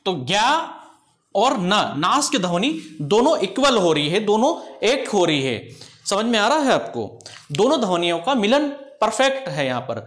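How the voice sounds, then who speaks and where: A man with a high voice teaches a grammar lesson in a patient, explanatory way. He stops often to ask whether his students are following. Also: very animated, normal speed, a bit bright. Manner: explanatory, asks checking questions often.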